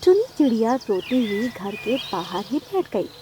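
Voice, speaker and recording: A woman narrating a children's cartoon story in a steady storytelling way. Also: on the high side, unhurried, noisy background.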